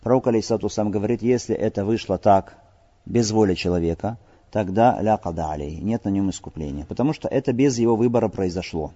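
A man's voice: on the low side, fast, mellow, slightly rough. A man giving a religious lesson, explaining rulings and posing rhetorical questions to his listeners. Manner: explanatory, asks rhetorical questions, often checks with "all right?". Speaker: Islamic teacher. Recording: lo-fi recording with long hall reverb.

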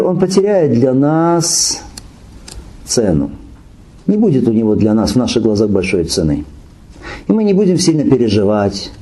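Male preacher with lively intonation and a warm, dark tone. Recites Arabic phrases, then explains them. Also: medium pitch. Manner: animated, repeats key phrases, asks "хорошо?" to listeners. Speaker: Islamic preacher. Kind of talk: sermon lecture.

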